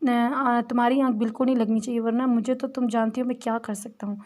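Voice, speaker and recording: A woman's voice: fairly high pitch, level tone, quick pace, darkish tone, natural voice. Woman reading as a stern scolding young husband. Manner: harsh scolding threats.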